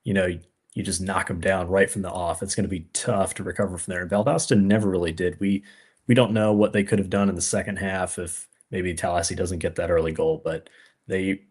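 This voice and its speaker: A man co-hosting a casual soccer podcast, giving measured analysis with frequent "you know" and "um" fillers. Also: low voice, fairly even intonation, darkish tone, husky. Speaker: podcast co-host. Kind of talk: casual sports analysis chat.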